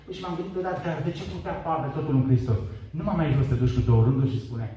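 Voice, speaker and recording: A man's voice: a little high, animated, mellow, dull audio. A middle-aged man giving an emotional testimony sermon in a church hall, acting out his own dialogues with God as his voice swells and drops. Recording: echoey hall from far off.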